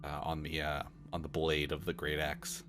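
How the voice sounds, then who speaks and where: A man's voice: a bass voice, completely flat delivery, normal speed, over music. A man acting as game master, narrating and chatting casually in a tabletop game.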